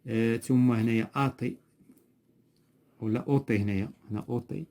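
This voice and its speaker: A man's voice: mid-range voice, fairly even intonation, fairly quick, darkish tone. A man with a Moroccan Arabic accent teaching a French lesson in class, patiently repeating terms and prompting a pupil to finish words. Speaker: primary school French teacher.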